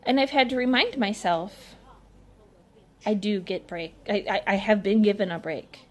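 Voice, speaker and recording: A woman's voice: medium pitch, moderate pace, a little mellow. A middle-aged woman and mother talking in a casual personal vlog, rambling and emotional, often restarting her sentences. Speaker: vlogger, mother. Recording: faint background noise.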